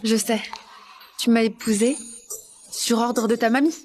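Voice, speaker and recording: A woman's voice: a little high, fairly even intonation, a little slow, a little mellow, lightly acted. A woman playing a modest, independent young pregnant wife in a dubbed drama, speaking politely and demurring. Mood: reserved, firm. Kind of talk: dubbed short-drama acting.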